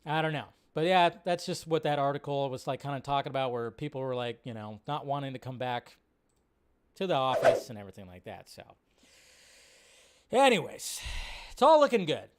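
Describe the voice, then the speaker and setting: Here the same kind of casual live chat comes from a man whose medium-pitched voice is animated, clear and resonant, moving a little fast. As host of the livestream, he rambles, repeats himself, and answers questions his viewers send in.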